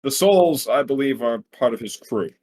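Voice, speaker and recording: A calm adventurer gives orders in a steady, mid-pitched voice, played by a man at the table. He stays businesslike and composed in this tabletop role-play. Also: normal speed, close to an everyday voice. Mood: firm. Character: commanding adventurer, in character.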